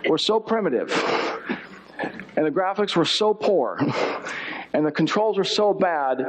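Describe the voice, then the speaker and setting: A man's voice: high-pitched, poor audio. A man in his forties preaching a sermon in a church, telling a story with playful, vivid delivery. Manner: storytelling, acts out quoted voices, lively. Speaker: pastor. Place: church sanctuary.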